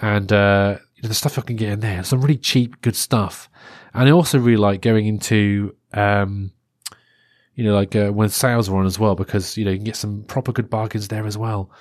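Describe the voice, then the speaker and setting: A man in his thirties hosts a solo podcast while nursing a stuffy cold, his voice congested and fairly low with fairly even intonation. He talks briskly in a chatty, rambling way, full of restarts and fillers. The clean studio recording has no room sound.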